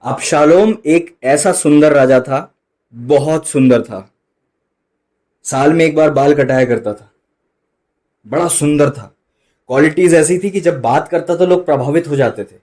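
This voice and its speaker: A man preaching a sermon, switching between loud emphatic bursts and quiet dropped asides, slowing right down for quoted lines. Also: a little high. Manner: mixes in English phrases and slow drawn-out quotes. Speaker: pastor.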